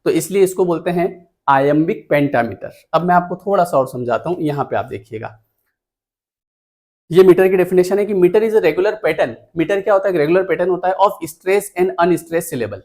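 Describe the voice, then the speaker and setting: Guy teacher walking thru poem meter, keeps asking "right?", counts stuff out, slightly high voice. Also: lively intonation, moderate pace, a little mellow. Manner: explains step by step with frequent "है ना?" check-ins; counts items aloud while pointing at the screen. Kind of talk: exam-prep lecture.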